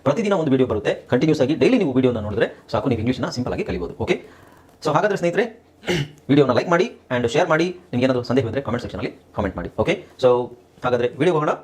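A man rattles through a sales pitch for a course at top speed. His voice leaps up and down with an eager lilt. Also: very animated, a little mellow. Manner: rapid, persuasive sales pitch. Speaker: course promoter. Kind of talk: promotional announcement.

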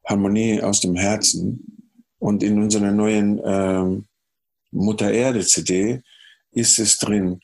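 A man from Chile with a Chilean Spanish accent, a music producer telling animated stories in a podcast interview, humming melodies and acting out dialogue. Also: lowish voice, slow, vocal fry. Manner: animated storyteller who hums melodies and acts out dialogue. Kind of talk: casual podcast interview storytelling.

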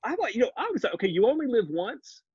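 A man in his forties speaks in a very high, sing-song voice that's fast, breathy, and darkish in tone. As a podcast guest on a video call from his living room with bookshelves, he's earnest and animated in casual conversation, captured by a laptop mic in muffled, dry audio.

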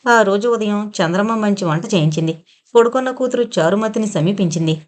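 Lady reading a novel aloud, steady storyteller, mid pitch. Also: fairly quick. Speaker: audiobook narrator. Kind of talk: scripted narration of a novel.

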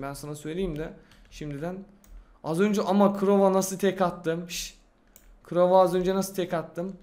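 A young man with a high voice talks through his gameplay in a loose, excitable way. He talks to himself as he plays and brags in slangy speech. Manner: slangy and boastful. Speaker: gaming YouTuber. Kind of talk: casual gameplay commentary.

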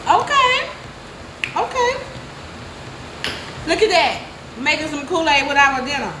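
A young woman talks straight to her viewers as she cooks, in a voice set a little high. Her phone at arm's length catches the echo of the kitchen and plenty of noise around her. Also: very animated, measured pace. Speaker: vlogger cooking at home. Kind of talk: casual cooking vlog. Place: home kitchen. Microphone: phone held at arm's length. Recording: echoey kitchen, background noise.

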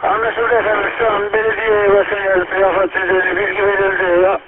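A man's voice: sits high, completely flat delivery, brisk, phone-quality sound. A man at headquarters giving urgent, formal reports over a police radio channel. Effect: police radio transmission. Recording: crackly radio with heavy static.

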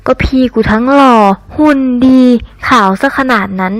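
A woman's voice: a little high, normal speed, close to an everyday voice. A woman voicing a brash, crude teenage boy who teases his best friend in a coarse, boastful way. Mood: teasing.

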